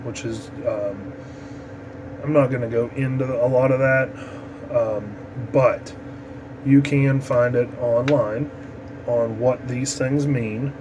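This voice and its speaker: Behind this man's voice runs a constant, noticeable background hum. He is an amateur radio instructor with a medium pitch, explaining things one step at a time in a relaxed, stop-and-start manner.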